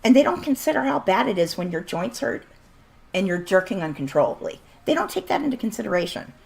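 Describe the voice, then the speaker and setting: This woman speaks fast in a mid-range voice that is very animated, creaky and a little mellow. She's casually and bluntly chatting during a game livestream, laughing often, with her voice starting to wear out.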